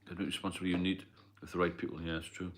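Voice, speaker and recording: A man's voice: deep voice, little pitch movement, very fast, a little hiss or hum. A man hosting a casual livestream, plain-spoken and rambling, answering viewer comments as he goes. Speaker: livestream host. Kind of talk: casual live-stream chat.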